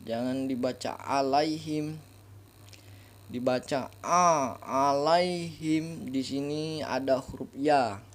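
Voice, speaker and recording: Slow, patient male recitation teacher. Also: medium pitch, fairly even intonation, darkish tone, slight background noise. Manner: patient, repeats and drills each sound. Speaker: Quran reading teacher. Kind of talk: slow step-by-step recitation lesson.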